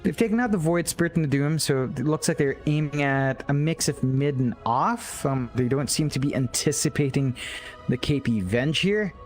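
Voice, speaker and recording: A man casting an esports match, giving quick analytical draft commentary with stammered restarts. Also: on the high side, faint music behind. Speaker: esports caster.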